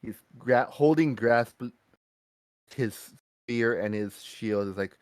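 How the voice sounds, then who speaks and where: A man's voice: medium pitch, slow pace, darkish tone, no echo. A man playing a tabletop game, casually describing what his character does.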